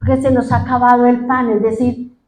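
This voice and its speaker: A woman's voice: a little high, flat delivery, normal speed, darkish tone. Impassioned woman pastor preaching, echoey room. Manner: impassioned preaching with rhetorical questions. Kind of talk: sermon.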